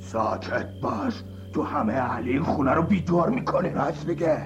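A nervous grown thief with a very deep voice, as a woman puts him on, always shushing his partner. His pitch jumps around a lot. This is a children's storybook, recorded dull with music behind it. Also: lively intonation. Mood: hushing. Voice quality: very deep put-on male voice.

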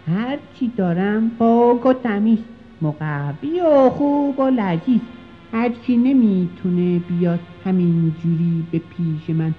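A woman's voice: mid-range voice, natural voice. Woman voicing honeybee, buzzing, sing-song, tinny sound, music behind. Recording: tinny phone-like audio with music.

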